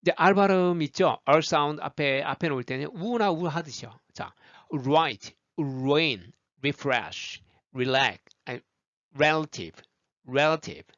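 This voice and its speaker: A man runs a pronunciation drill, reading English words one at a time at a very unhurried pace. His voice sits a little high, and the recording is dry and somewhat dull. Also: fairly bright tone. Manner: repeats word lists aloud, coaching learners to echo him.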